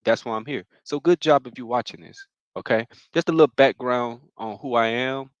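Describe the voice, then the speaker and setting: A young man from Mississippi talks through a live money workshop. He sounds casual and encouraging, and he repeats phrases as he goes. His voice is close and dry, at a middle pitch. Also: moderate pace, no room sound, highs cut off. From Mississippi, United States. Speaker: financial workshop presenter. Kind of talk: live-streamed financial workshop talk.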